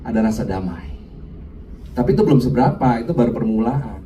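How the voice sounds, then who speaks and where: A man's voice: mid-range voice, fast, warm tone. A man giving a sermon with a personal testimony at a men's fellowship. He talks animatedly and keeps addressing his listeners directly. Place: church men's meeting room. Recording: echoey room, far from mic, light noise.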